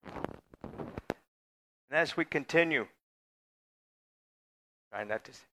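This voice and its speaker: A man preaching to his church in a loose, conversational way, now and then joking with the people in the pews. His voice sits a little high and rings bright and forceful. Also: expressive, extremely slow, slight background noise. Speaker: pastor. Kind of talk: sermon.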